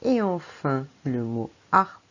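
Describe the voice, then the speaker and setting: A woman's voice: extremely low pitch, very animated, slow, fairly bright tone, lo-fi sound. A French woman teacher giving a patient phonics lesson to a young child, speaking to the child directly. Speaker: primary school teacher.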